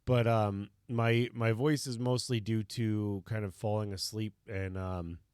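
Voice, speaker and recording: A man in his thirties chats on his live stream, his low voice still smooth and resonant even though it sounds a little hoarse and tired. He rambles reflectively, circling back with fillers and restarts. The sound is dry and close, with no room around it. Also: measured pace, no echo. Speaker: streamer and parent. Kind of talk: casual live-stream chat.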